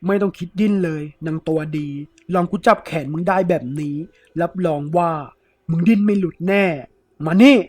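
A man's voice: on the high side, moderate pace, no room sound, lightly acted. A man voicing a greedy, crude male thief who blusters and sweet-talks. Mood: angry, blustering. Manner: loud, blustering, crude speech.

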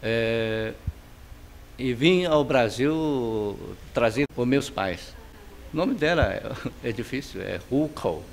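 A middle-aged man from China with a Chinese accent, giving relaxed interview answers about his painting, with many fillers and restarts, recorded on a handheld mic in his home studio. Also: medium pitch, slight background noise.

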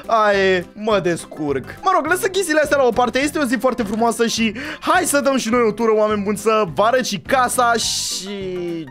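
A man hosting a Minecraft role-play video, talking in an excitable, jokey way and often yelling. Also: high-pitched, few pauses, soft background music. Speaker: gaming channel host.

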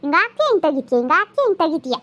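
A woman's voice: high-pitched, big pitch swings, fairly bright tone, lo-fi sound. A woman playing a scolding village woman, haggling over vegetable prices. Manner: nagging, rapid-fire scolding. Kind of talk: comedy sketch acting.

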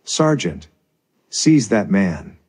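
A man's voice: on the low side, very animated, very slow, a little mellow, breathy edge, exaggerated voice. A man voicing a stern, formal bailiff who speaks in a cold and threatening way. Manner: menacing, formal.

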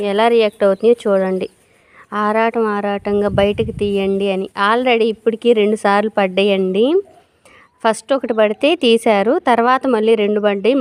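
A woman's voice: medium pitch, darkish tone. A woman vlogging on her farm, chatting straight to her viewers as she walks the fields. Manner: chatty, addresses viewers directly. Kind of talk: casual vlog narration. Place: outdoors on a farm field by a well. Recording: clear outdoor noise.

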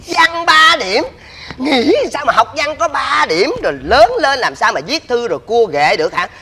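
A man's voice: extremely high pitch, moderate pace, heavily acted. A blustering comic father. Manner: blustering, animated. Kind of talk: comedy sketch acting. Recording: stage show with loud background noise.

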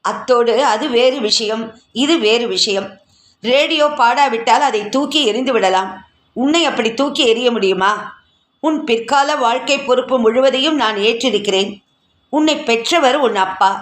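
A woman's voice: a little high, close to an everyday voice. Woman reading as a stubborn lecturing husband. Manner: lecturing, matter-of-fact. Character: stubborn blunt young husband. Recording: roomy echo.

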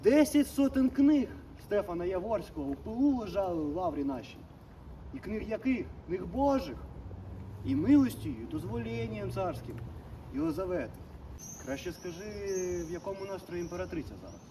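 A man's voice: high-pitched, lively intonation, moderate pace, dark tone, far from the mic, a little hiss or hum, poor audio. A man playing a solemn church hierarch who speaks in archaic words, in a historical stage performance. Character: elderly metropolitan giving blessings. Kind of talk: historical theatre acting.

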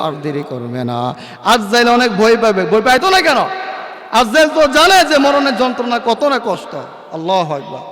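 A man preaching in a very high, piercing voice, rising into shouts and falling into quieter chanted stretches as he calls on the listeners to answer back. His tone is bright and forceful. The sound rings with a long echo, like a large hall. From Bangladesh. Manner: impassioned, calls out for responses from the crowd, sing-song delivery. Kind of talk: chanted sermon at a religious gathering.

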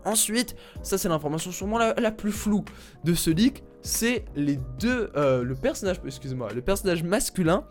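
A man's voice: sits high, lively intonation, moderate pace, darkish tone, soft background music. A young man talking casually about video game rumors, rambling with many fillers and repeated words. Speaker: gaming YouTuber.

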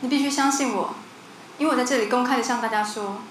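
A woman's voice: a little high, fast, a little hiss or hum, lightly acted. An actress playing an earnest young female doctor who speaks in a composed, persuasive way. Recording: echoey room with loud music.

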